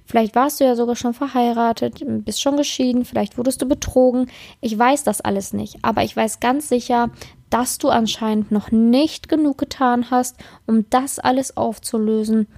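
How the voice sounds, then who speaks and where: A woman's voice: fairly high pitch, fairly even intonation, normal speed, gravelly, darkish tone. A woman giving an earnest motivational talk on love, speaking straight to her listener, often tagging lines with "ne?" and with blunt emphasis. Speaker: love and relationship coach. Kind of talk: motivational direct-address talk.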